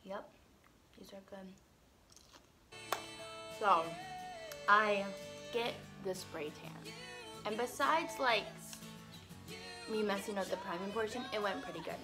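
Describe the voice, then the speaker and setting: A young woman in a casual makeup vlog, talking in a loose, rambling way and dropping "like" into nearly every sentence. Her pitch sits in an ordinary middle range for a woman. Clear music plays underneath her voice the whole time. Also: takes it slowly, long pauses. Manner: rambling, fills speech with "like". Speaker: vlogger and stage actress. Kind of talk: casual chatty vlog while doing makeup.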